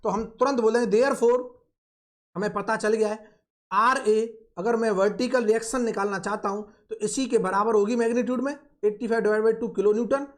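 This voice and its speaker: Man slowly repeating points as a tutor. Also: sits high, steady tone. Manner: slow, drawn-out repetition of key phrases; coaxing, asks and answers his own questions. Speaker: engineering tutor. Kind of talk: recorded online lecture.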